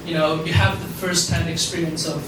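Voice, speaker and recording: A man's voice: a little high, little pitch movement, moderate pace. A young man from Afghanistan giving an alumni talk at an event, rambling with many fillers. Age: young adult. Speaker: alumni speaker. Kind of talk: speech at a networking event. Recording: echoey room from far off, background noise.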